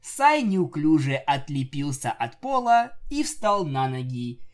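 A man narrating a comic fan fiction story with lively, jokey asides. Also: fairly high pitch, takes it slowly. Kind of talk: comic audiobook reading.

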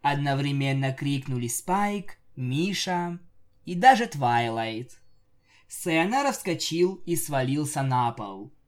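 A man narrating a comic fan fiction story with lively, jokey asides. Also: medium pitch, slow. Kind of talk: comic audiobook reading.

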